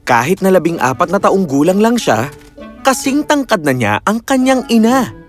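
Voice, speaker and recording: A man narrating a children's fairy tale in a slow, expressive storytelling manner. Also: high voice, soft background music.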